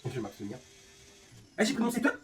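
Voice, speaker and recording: A man's voice: high-pitched, recorded from a distance, loud music behind the voice. A man from France, a streamer and league organizer sick with a fever, ranting angrily and swearing constantly. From northern France. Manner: fuming, swearing constantly, rapid and animated. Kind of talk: angry live-stream rant. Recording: faint room ambience, off-mic.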